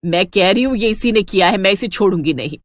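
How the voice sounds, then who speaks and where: A woman voicing a proud, jealous middle-aged mother-in-law in a cartoon story, scolding and shrill when angry. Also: lively intonation, quick pace, no room sound, lightly acted. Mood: furious.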